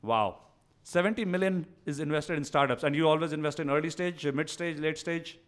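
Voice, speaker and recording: A man from India hosting a radio talk show in a studio, upbeat and emphatic. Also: fairly high pitch. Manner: upbeat, emphatic, fast-talking. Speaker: host.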